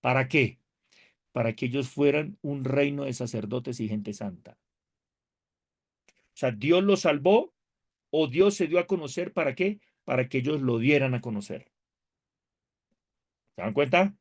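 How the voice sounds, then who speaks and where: With a mid-range voice that runs a little slow and pauses often, a male pastor lectures a seminary theology class. He is animated and conversational, asking questions, joking, and reading scripture with emphatic rises.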